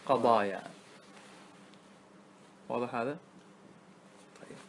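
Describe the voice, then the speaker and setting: A man teaching a classroom grammar lesson, often asking his students questions to check they follow, and drawing out words slowly to spell out their forms. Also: mid-range voice, a little hiss or hum. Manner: checks understanding with frequent questions.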